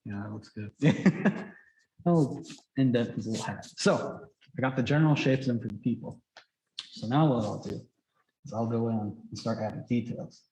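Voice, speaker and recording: A man's voice: mid-range voice, moderate pace, a little mellow. Chatty man through a face mask, roomy echo. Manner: rambling, chatty, frequent "like" filler. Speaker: drawing instructor. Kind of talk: casual thinking-aloud drawing demonstration. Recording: echoey, roomy sound.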